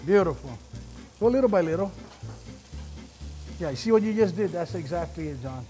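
A middle-aged man hosts as chef in a studio show kitchen, giving a casual cooking demonstration full of instruction and encouragement. His high-pitched, warm voice moves with lively intonation at a moderate pace, though the audio is poor, with music and a sizzling pan behind him.

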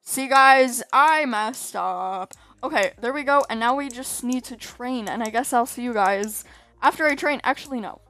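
High-voiced chatty woman gaming. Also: normal speed, a bit bright. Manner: chatty, often exasperated, exclaims a lot. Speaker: gaming YouTuber. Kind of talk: casual gameplay commentary.

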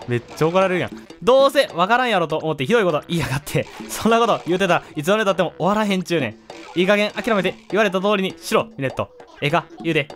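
A man acting out a short-tempered cartoon mole who scolds the player in a broad Kansai dialect. The gruff lecturing sits a little high and leaps around in pitch. Faint game music plays underneath. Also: lively intonation, racing, fairly bright tone. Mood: scolding. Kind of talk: reading game dialogue aloud in character.

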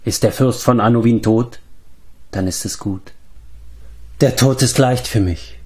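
A man's voice: mid-range voice, unhurried, a little mellow, lightly acted. A man voicing a dying queen in a storybook reading, murmuring weakly. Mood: faint. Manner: murmured, weak. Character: dying queen, weak and faint.

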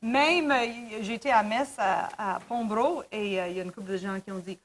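A woman's voice: mid-range voice, moderate pace, heavy background noise. A woman from Canada with a Canadian French accent, chatting as a guest singer and laughing often. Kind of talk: casual chat.

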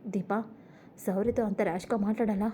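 A woman voicing a caring young father in a retold family serial, asking gentle questions. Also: medium pitch, fairly even intonation, brisk, a little hiss or hum, natural voice. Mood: concerned.

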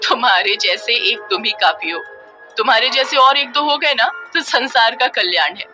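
Brief: quick-retort young woman, shy underneath, storybook drama, read by a woman. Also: on the high side, expressive, pushed and bright, faint music behind. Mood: sharp.

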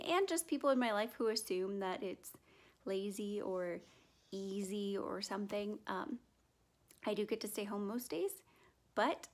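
A young woman chatting casually in a home vlog, filming herself at arm's length and talking to her pets. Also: mid-range voice. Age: young adult. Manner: chatty, upbeat, talks to her animals. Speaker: vlogger and pet sitter. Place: home, indoors. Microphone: handheld camera at arm's length.

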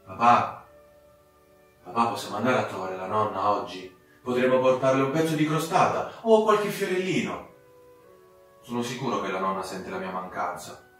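A man's voice: on the low side, normal speed, lightly acted. A man voicing a young, curious and anxious male wolf cub who asks eager, pleading questions, in a storybook. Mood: hopeful. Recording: very echoey room, distant mic, soft music.

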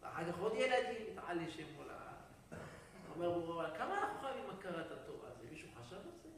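A man's voice: high-pitched, sing-song, a little hiss or hum. A man giving a sermon as a rabbi, telling stories dramatically with rising emphatic exclamations. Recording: echoey hall, speaker far from the mic.

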